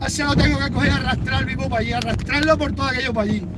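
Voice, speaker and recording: A man's voice: very high-pitched, steady tone, rapid-fire, heavy background noise. A man, a cattle farmer rambling on a live stream as he herds his cows, blunt and full of curses. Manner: blunt, swearing, mocking, rough rural talk. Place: outdoors on a farm with cattle.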